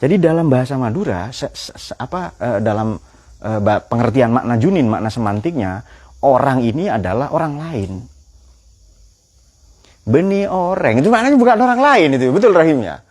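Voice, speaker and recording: A man's voice: medium pitch, sing-song, moderate pace, darkish tone. A man teaching a Quran study class. He puts questions to his students and tells light anecdotes.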